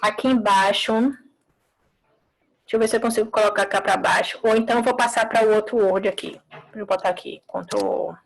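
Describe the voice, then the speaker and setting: A woman teacher giving a live online class, explaining slowly, repeating words and checking with short tag questions. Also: mid-range voice, steady tone, gravelly, low-quality recording.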